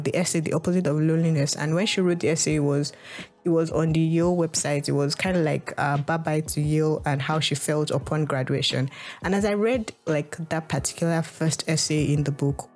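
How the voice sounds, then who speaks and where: Her voice is deep and a little mellow as she hosts her podcast. She is a young Nigerian woman with a Nigerian English accent, reflecting casually and rambling, leaning heavily on "like" and starting sentences over.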